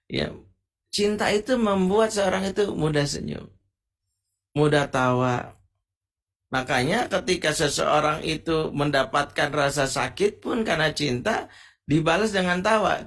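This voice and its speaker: A middle-aged man giving a lively sermon, acting out quotes and jokes playfully. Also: on the high side, vocal fry. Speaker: preacher. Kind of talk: lively sermon with acted examples.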